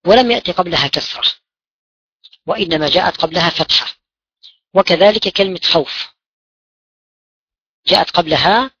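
Teaching Quran recitation rules to a class, a male religion teacher asks his students questions, then supplies the answers himself. He has a high, pushed, bright voice with a breathy edge, and the sound is lo-fi.

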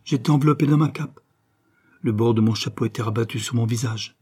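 A man voicing an earnest young avenger and devoted son, grave and measured. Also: mid-range voice, darkish tone, breathy edge, close to an everyday voice. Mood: calm. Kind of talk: audiobook reading.

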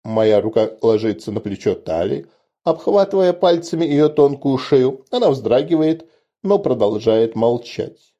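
A man narrating a first-person fantasy audiobook in an even, measured way. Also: mid-range voice. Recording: dull lo-fi recording.

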